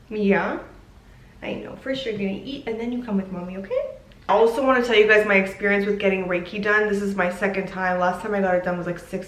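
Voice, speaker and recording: A young woman in her twenties talks casually to her camera at home, her voice still soft with morning grogginess. She rambles freely, leaning on "like" and quick asides. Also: mid-range voice. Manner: chatty, filler-heavy with many "like"s. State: morning voice, just woke up. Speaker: vlogger. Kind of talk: casual vlog chat. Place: her apartment, indoors.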